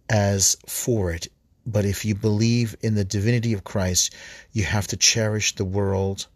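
A priest and podcast host reading an article aloud with asides, often stumbling on words and correcting himself. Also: male voice, lowish voice, husky, no echo.

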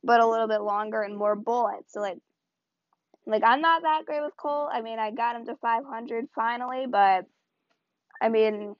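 A podcast host rambles along in loose, chatty conversation, a woman whose higher-pitched voice comes across tired and strained at a moderate pace. Her recording is dry, dull and lo-fi.

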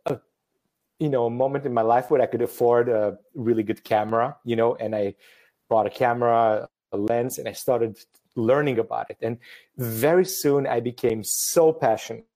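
A Romanian photographer in his thirties joins a casual live-stream conversation as a guest, speaking at a normal speed in a warm, steady, medium-pitched voice. He comes across as hesitant and self-deprecating, cracking jokes as he goes.

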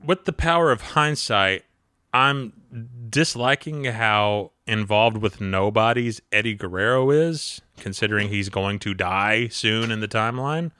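This thirty-year-old man co-hosts a podcast, chatting about wrestling with lots of animation and laughter, and he likes doing voices when quoting people. He speaks unhurriedly in a lowish, clean tone, captured in a dry studio-quality recording.

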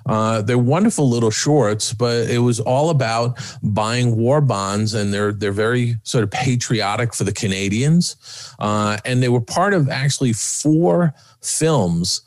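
A man's voice: medium pitch, measured pace, no room sound. A man co-hosting a podcast in casual, rambling chat. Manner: rambling, chatty. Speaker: podcast co-host.

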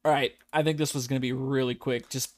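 A man co-hosting a casual podcast chat, relaxed and hesitant with frequent ums. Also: mid-range voice, fast. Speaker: podcast co-host.

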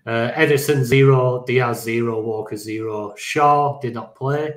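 A man's voice: mid-range voice, steady tone, unhurried. Man, casual joking chat, echoey room. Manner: casual, swears, laughs easily. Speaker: podcast co-host. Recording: roomy echo.

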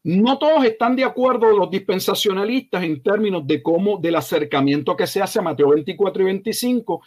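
A man, a pastor and invited expert, explaining biblical terms in an interview with emphatic, corrective and deliberate delivery. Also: high voice, darkish tone. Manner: slow, deliberate delivery with frequent hesitations. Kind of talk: teaching interview answer.

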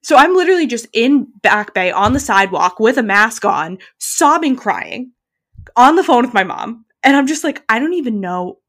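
In a casual podcast chat, a young woman co-host tells an animated story in a fairly high voice at a moderate pace. She's chatty and leans heavily on "like" and "literally."

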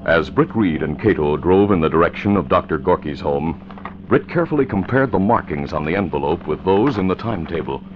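Male radio serial narrator, lowish, dramatic scripted delivery, muffled mid-century sound. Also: animated, fairly quick, slight background noise. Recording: dull old radio recording.

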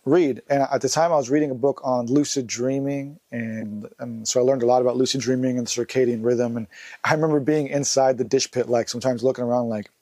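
A man's voice: mid-range voice, fairly even intonation, brisk, warm tone, dry recording. A young man, telling a story in a casual, rambling, slangy way. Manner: laid-back, rambling, slangy. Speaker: vlogger.

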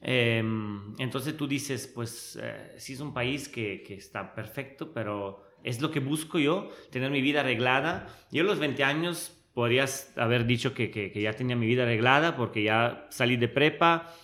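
An Italian-speaking Swiss man in his early 30s is a guest in a conversational interview, telling stories about his life in a reflective way. He often pauses to search for the right word, and his middle-pitched voice has a fairly bright tone.

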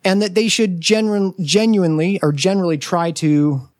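A man in his forties on a podcast, telling a family story in a casual, animated way and acting out what others said. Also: sits high, moderate pace, no echo, clean studio sound. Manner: animated, acts out family quotes. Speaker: podcast guest.

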